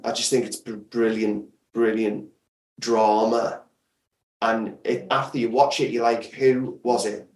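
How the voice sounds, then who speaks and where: As a guest on an interview, an audio drama creator talks casually and enthusiastically, emphasizing words by stressing and repeating them. The distant mic gives his average-pitched, slightly mellow voice a roomy echo; his pace is measured and his pitch moves little.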